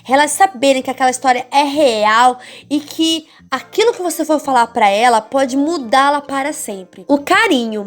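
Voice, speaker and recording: A woman with a Brazilian accent teaching an online course for children's ministry teachers, expressive and speaking straight to the viewer with frequent check-ins. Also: sits high. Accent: Brazilian Portuguese. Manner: demonstrates varied, theatrical intonation.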